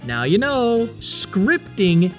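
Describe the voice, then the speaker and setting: A man's voice: high voice, big pitch swings, drawn-out words, soft background music. A man delivering a scripted video game review in an opinionated, sarcastic way, with the odd swear.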